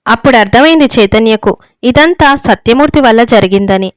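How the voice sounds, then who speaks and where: A woman storyteller reads a serial story aloud at a steady, measured pace. Her voice is smooth, clear and a little high. The close mic gives a dry, intimate sound. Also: no echo. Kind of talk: scripted narration.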